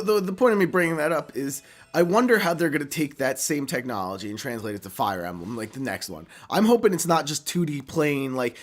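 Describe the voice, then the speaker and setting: A man co-hosting a casual gameplay video, rambling loosely and swearing as he plays. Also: mid-range voice. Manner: rambling, loose, swears and laughs while playing. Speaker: gameplay co-host.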